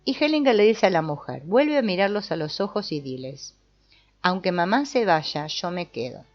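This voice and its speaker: A woman giving a calm, measured scripted narration. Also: on the low side. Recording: dull lo-fi voice-over with soft guitar music.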